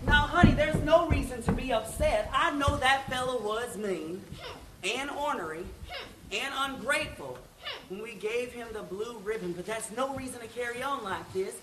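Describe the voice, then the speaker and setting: A woman's voice: on the high side, big pitch swings, a little slow. A woman playing a hearty folksy cowboy papa. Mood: gentle. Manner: hearty, corny jokes, twangy folksy talk. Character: cheerful folksy cowboy father, fair announcer. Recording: echoey hall with loud crowd noise.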